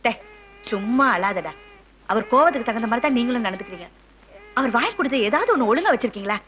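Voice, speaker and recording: An actress playing a patient middle-aged wife who calms her angry husband and gently reproaches him. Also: on the high side, fast talker, dull audio, lightly acted. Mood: pleading. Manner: pleading, soothing, gently reproachful. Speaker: wife and mother. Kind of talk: film scene acting.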